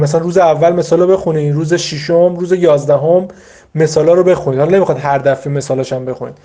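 A man talks through study advice for language learners in a relaxed, informal way. His voice sits somewhat high but sounds warm and soft. He is patient and repetitive, circling back to stress each step and speaking directly to his students. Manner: patient, repetitive, explains step by step with many asides; addresses students directly and encouragingly. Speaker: vocabulary teacher.

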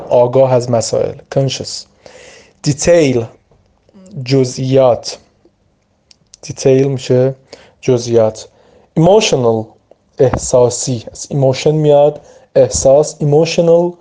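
A man teaching English vocabulary to Persian speakers, slowly stretching out example words as he explains them. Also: medium pitch, dark tone. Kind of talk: vocabulary lesson.

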